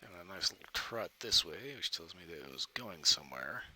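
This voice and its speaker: A man with a low, husky voice, pushed and bright, talks a little fast and expressively. He hosts a gaming video, thinking aloud in casual, self-deprecating commentary, recorded with a cave-like echo and background noise.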